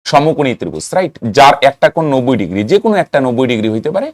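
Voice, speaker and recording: A man's voice: medium pitch, very animated, racing, a little mellow, no echo, clean studio sound. A man teaching a math lesson, often asking students questions and chanting rhyming memory aids. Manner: rhythmic mnemonic chanting, asks students questions. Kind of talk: classroom lesson.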